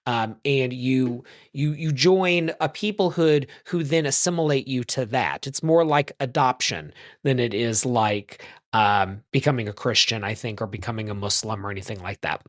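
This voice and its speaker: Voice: medium pitch, moderate pace, few pauses. A rabbi teaching in a loose, chatty way, full of ums and self-corrections, who tells a joke and then explains it. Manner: tells jokes and explains them. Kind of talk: casual teaching talk.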